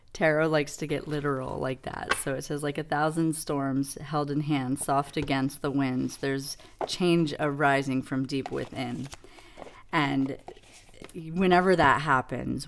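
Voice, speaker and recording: A woman giving a casual tarot reading demo, reflective and rambling with many fillers. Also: a bass voice. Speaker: tarot reader.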